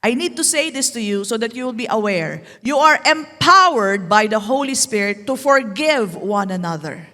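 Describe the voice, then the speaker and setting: A woman pastor with a Filipino accent preaching, mixing English and Tagalog with playful asides and slow, drawn-out emphasis. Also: high voice, pushed and bright. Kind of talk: sermon. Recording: echoey hall.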